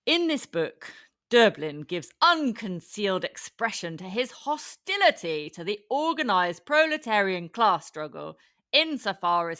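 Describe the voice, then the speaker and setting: A woman's voice: medium pitch, bright, forceful tone. A woman reading aloud as a pompous, doctrinaire male communist critic, in a formal and scornful manner.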